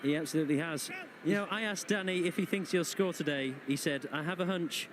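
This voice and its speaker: Man, fairly high voice, comedic football commentator, punning quips, clearly noisy outdoor backdrop. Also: fairly quick. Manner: joking, quipping with puns. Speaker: match commentator. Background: clear outdoor ambient noise.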